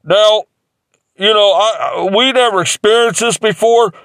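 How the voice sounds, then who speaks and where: A man's voice: sits high, a little slow, fairly bright tone, no room sound. A man improvising a rambling mock infomercial as a salesman, with crude jokes and lots of fillers. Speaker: comic playing a mattress salesman.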